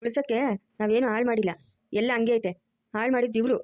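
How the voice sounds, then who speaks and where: A woman performs a stern, hurt mother who lectures her family firmly. The voice sits high but moves in a narrow, level band. The sound is dry and close. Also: flat delivery, brisk, a little mellow, no echo, natural voice. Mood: stern scolding. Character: aging mother, stern and wounded. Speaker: mother-in-law. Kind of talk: amateur family drama acting.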